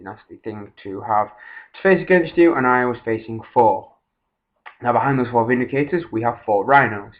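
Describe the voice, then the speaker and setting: A man's voice: medium pitch, narrow, tinny audio. A man casually narrating a tabletop battle recap in a hesitant, informal way, sounding a little far away on a built-in laptop microphone. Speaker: tabletop wargamer presenting a battle report. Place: voice-over recorded at a laptop. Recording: band-limited laptop built-in microphone, slightly distant.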